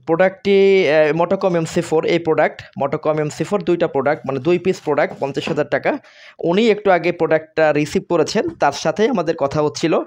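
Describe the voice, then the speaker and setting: A seller presenting products on video, this man has a Bangladeshi accent and a slightly high, slightly mellow voice. His sales talk is unscripted, and he explains haltingly, repeating himself.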